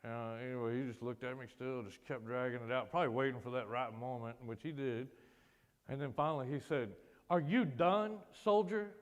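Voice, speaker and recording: A man's voice: mid-range voice, fairly even intonation, fairly quick. A man who is a military veteran, speaking to a school assembly and telling a personal story with casual, self-deprecating humor. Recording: long hall reverb.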